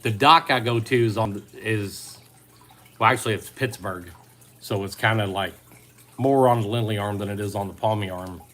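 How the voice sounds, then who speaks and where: A man's voice: fairly low pitch, normal speed, a bit bright. A man chatting casually and teasing while tying fishing jigs on a livestream in his garage. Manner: dry, teasing, folksy. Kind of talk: casual chat while working. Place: home garage.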